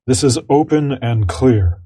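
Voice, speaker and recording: A man giving an interpreter's translation voice-over in a news report, with a measured, formal delivery. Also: medium pitch, lively intonation, warm tone, slightly rough, no echo.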